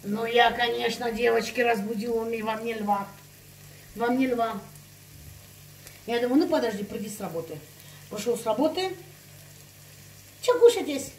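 A woman's voice: on the high side, normal speed, pauses often, slight background noise. A woman ranting in a casual chat to her viewers, heated and emphatic, repeating herself for effect. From Russian-speaking, living in Spain. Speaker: vlogger.

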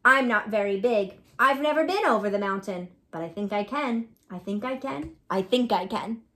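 A woman's voice: mid-range voice, lively intonation, normal speed, a bit bright, lightly acted. A woman voicing a kind, cheerful little female blue engine in a storybook reading, speaking earnestly and with determination. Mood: determined.

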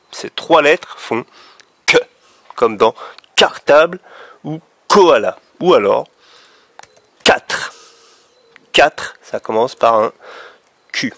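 Male phonics teacher, unhurried, gravelly voice, patient and clear with small kids. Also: medium pitch, a bit bright, no room sound. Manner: patient, drawing out each letter sound. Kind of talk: phonics lesson for young children.

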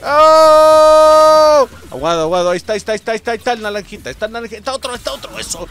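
A young man with a Mexican Spanish accent, giving casual gameplay commentary, excitable, shouting and swearing at the game. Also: sits high, very fast. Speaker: gaming streamer. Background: game music.

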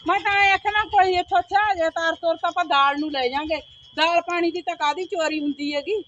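A woman's voice: very high-pitched, fast talker, a bit bright, no room sound, highs cut off. A woman acting a poor village woman who pleads and complains in a family drama. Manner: pleading, plaintive.

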